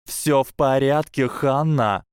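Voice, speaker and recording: Give me a bubbly, quick-talking schoolgirl witch from an audiobook, voiced by a man, raised and bright. The reading is clean and close. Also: medium pitch, smooth, no echo, voice pushed up, close to an everyday voice. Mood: cheering. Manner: quick and excited.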